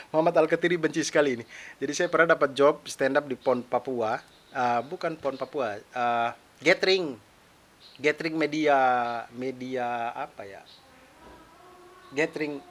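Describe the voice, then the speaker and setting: Pausing often and speaking a little slowly, a young man from East Nusa Tenggara, Indonesia, talks through his own podcast in a chatty, self-deprecating solo monologue. The stand-up comedian has a mixed eastern Indonesian accent and a mid-range, fairly bright voice, with faint hiss in the recording.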